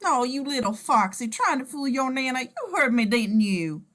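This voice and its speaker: A woman's voice: sits high, big pitch swings, moderate pace, fairly bright tone. Woman playing a folksy grandma in her sixties. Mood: doting. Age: 60s. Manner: coaxing, folksy, with pet names. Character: older woman, part-time nurse, fussing grandmother.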